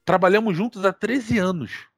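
Brazilian man, gaming show co-host, casual storytelling, fairly high voice, dry close sound, faint music behind. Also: normal speed, slightly rough, no room sound. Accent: Brazilian Portuguese. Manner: animated, swears freely, repeats words. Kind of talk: casual chat, telling an anecdote.

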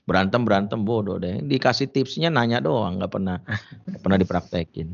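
A man's voice: lowish voice, animated, a little fast, creaky. A man preaching a humorous sermon, emphatic and joking as he tells stories and gives advice, on a dull lo-fi recording.

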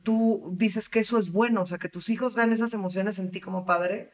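A woman's voice: medium pitch, steady tone, brisk, recorded from a distance. A woman, a mother hosting an interview, sharing her own struggles and asking questions. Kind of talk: conversational interview.

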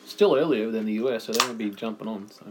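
A man's voice: on the low side, quick pace, background noise. A man co-hosting a podcast, teasing his co-host in casual chat during a film. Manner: teasing, laughs along. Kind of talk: casual watch-along chat.

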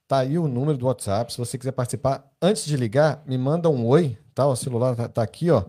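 A man's voice: mid-range voice, quick pace, warm tone. A Brazilian man with a Brazilian Portuguese accent, hosting a live podcast and giving listeners instructions in a chatty way. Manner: announcing, instructing listeners, repeated tá. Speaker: podcast host.

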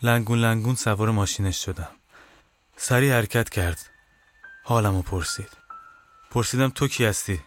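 A man narrating a first-person supernatural horror story with dramatic, tense delivery. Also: deep voice. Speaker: narrator and writer. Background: guitar music.

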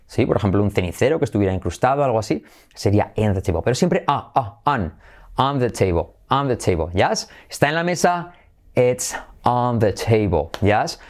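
Male teacher, energetic, bilingual lesson. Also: mid-range voice, moderate pace. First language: Spanish. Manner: enthusiastic, switches between Spanish and English. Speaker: English teacher.

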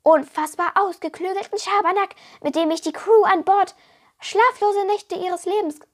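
A woman's voice: very high-pitched, fairly even intonation, moderate pace, voice pushed up. Woman doing a small grumpy goblin man. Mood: grumbling. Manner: indignant, cursing, bragging. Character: small grumpy boastful male water goblin.

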